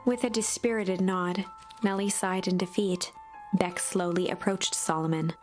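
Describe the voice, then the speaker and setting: A woman's voice: lowish voice, fairly even intonation, a little slow. Woman narrating a storybook game over music.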